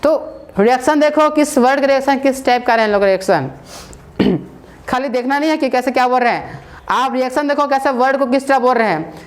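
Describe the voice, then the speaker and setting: A woman's voice: high voice, a little fast. A woman teaching a spoken English class in a casual, repetitive way, often checking with her listeners and mixing English words into her talk.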